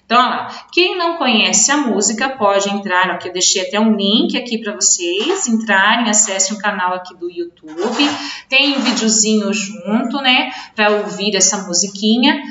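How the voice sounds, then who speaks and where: Brazilian woman, schoolteacher, patient and repetitive delivery, bright tone, echoey lo-fi recording. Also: medium pitch, expressive, a little hiss or hum. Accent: Brazilian Portuguese. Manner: patient, explains slowly, repeats words and stresses syllables. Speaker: teacher. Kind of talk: remote video lesson for children. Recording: echoey room, dull lo-fi sound.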